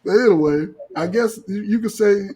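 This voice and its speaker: An American podcast host whose voice sits high and husky speaks at normal speed. He's animated, profane and slangy as he tells comic stories among friends and acts out what people said.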